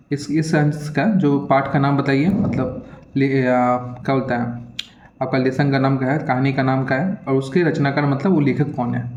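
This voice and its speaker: A male teacher with a medium-pitched, darkish voice hurriedly reads exam questions aloud and explains the answers, repeating himself and constantly checking in with "theek hai." The room is echoey, with slight background noise and dull lo-fi sound.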